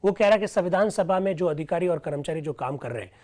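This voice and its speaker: A man's voice: high voice, expressive, fast talker, a little mellow. A man teaching, reading out old assembly debates and explaining them step by step, often asking a question and answering it himself. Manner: explanatory, asks and answers his own questions. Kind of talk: lecture reading and explaining archival proceedings.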